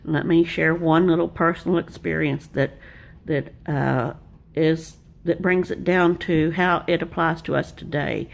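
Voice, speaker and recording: Earnest older woman, gravelly. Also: deep voice, steady tone, measured pace. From Arkansas, US. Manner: earnest, homespun storytelling with repeated refrains. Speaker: Bible teacher. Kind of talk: devotional sermon.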